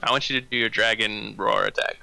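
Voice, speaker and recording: A man's voice: on the low side, steady tone, fairly quick, gravelly, pushed and bright. A man running a tabletop fantasy game as game master, narrating scenes and calling out rolls.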